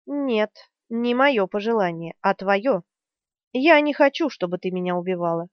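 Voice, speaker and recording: A woman reading the part of a stubborn, calm young male hero in an audiobook, steady and earnest. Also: medium pitch, normal speed, no room sound, close to an everyday voice. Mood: earnest resolve. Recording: dry, slightly dull studio sound.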